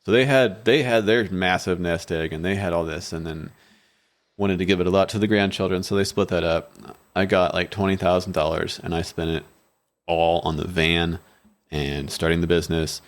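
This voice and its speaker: Deep-voiced man telling a candid story. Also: fairly even intonation, normal speed. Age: 30s. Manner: rambling, candid storytelling with frequent restarts. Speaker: guest, bike shop owner. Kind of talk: casual interview talk. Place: small podcast studio with brick wall. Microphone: studio mic on boom arm, headphones.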